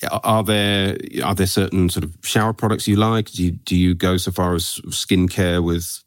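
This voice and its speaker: A male podcast host with a very low voice, asking friendly, rambling questions full of fillers. The recording is dry and close. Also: steady tone, normal speed, dry recording. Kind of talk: casual podcast interview.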